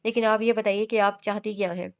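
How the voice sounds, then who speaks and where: A woman reading the lines of a teasing young male boss in a romance novel, in her own smooth voice. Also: high-pitched, flat delivery, a little fast.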